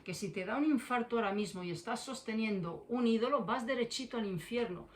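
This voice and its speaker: A woman delivers a fiery evangelical sermon in a slightly high voice. She hammers her points by repeating phrases and throwing confrontational questions at her listeners. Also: fairly quick. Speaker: preacher.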